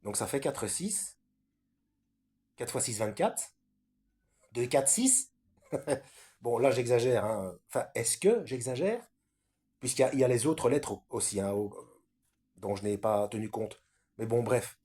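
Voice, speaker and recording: Man, middle-pitched and husky, casual scripture video talk, halting delivery with many fillers and restarts. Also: expressive, dark tone. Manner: hesitant, many fillers and self-corrections. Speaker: Bible study video maker.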